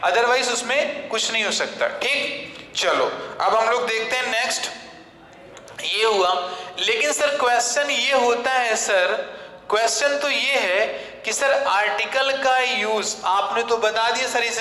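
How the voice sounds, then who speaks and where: Male grammar teacher, high voice, questions his students then answers himself, slow English asides, echoey classroom. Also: bright, forceful tone. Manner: switches into slow, deliberate English phrases. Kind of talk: classroom lecture.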